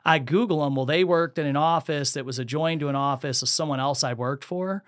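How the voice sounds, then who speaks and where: Slightly high-voiced and fairly quick, this man hosts a podcast recorded with studio clarity and no echo. He swaps stories in a casual chat, bringing energy to them by performing the voices of the people he quotes.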